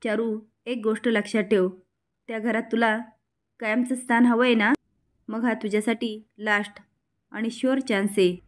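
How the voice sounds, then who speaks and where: A woman's voice: a little high, steady tone, moderate pace, pauses often, natural voice. A woman voicing a scheming middle-aged woman who gives orders over the phone in a cool, conspiratorial way.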